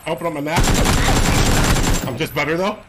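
A man's voice: a little high, normal speed, very noisy. Hyped male streamer over gunfire. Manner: excitable, boastful trash talk, shouts in fights. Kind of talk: live gameplay commentary with teammates. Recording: game gunfire loud under voice.

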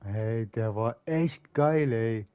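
A man's voice: medium pitch, slow pace, mellow, smooth, dry recording. A man commenting casually on a game he is playing, with short offhand reactions. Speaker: let's player.

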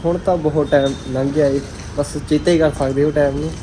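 A man's voice: on the high side, steady tone, quick pace. A young man from Punjab with a Punjabi accent, chatting casually and joking with a friend as he vlogs his outing. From Punjab, India. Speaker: vlogger. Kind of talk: casual vlog chat. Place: outdoors on city streets, cold foggy evening. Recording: outdoor phone recording with traffic noise.

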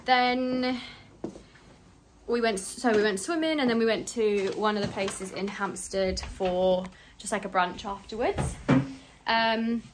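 A woman's voice: medium pitch, takes it slowly, noisy background. Chatty young woman vlogging. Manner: chatty, rambling, lots of fillers. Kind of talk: casual vlog chat. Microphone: handheld phone.

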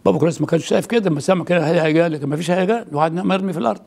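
An older priest with an Egyptian Arabic accent tells a story in a high, heavily gravelly voice. His speech is husky and rushes along very fast, stumbling into restarts and repeated words. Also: darkish tone. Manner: rapid, halting retelling with many restarts and repeated words. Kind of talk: casual storytelling in a conversation.

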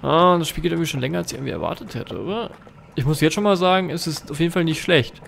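A man's voice: a little high, lively intonation, fast, creaky, fairly bright tone, a little hiss or hum. A young man commenting live on a horror game as a let's play host, restless and jumpy, swearing and talking to his viewers. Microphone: facecam with desk mic.

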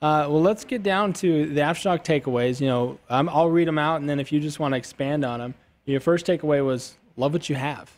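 A man hosting a podcast interview, relaxed and affirming, on a desk boom mic in an office studio. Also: brisk, few pauses. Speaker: podcast host. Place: office studio with large windows.

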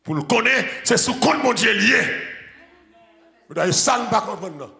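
A Haitian man preaching a sermon as pastor, breaking into loud shouted bursts and dropping into quiet storytelling. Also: high-pitched, animated, normal speed, creaky, echoey room.

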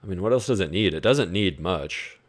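Low-voiced laid-back gaming man. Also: animated, brisk. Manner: laid-back, talks to himself while playing. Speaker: gaming YouTuber. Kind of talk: casual gameplay commentary.

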